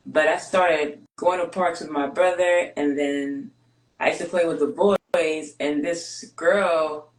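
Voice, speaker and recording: Deep-voiced and echoey, this poor-quality clip features a woman who plays basketball. She was born and raised in Greece, where Greek is her mother tongue, and as an interview guest she shares her life story openly and calmly, pausing in a measured way.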